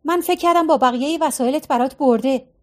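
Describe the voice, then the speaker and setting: A woman's voice: sits high, natural voice. Woman voicing an aloof, restless young man. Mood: offhand.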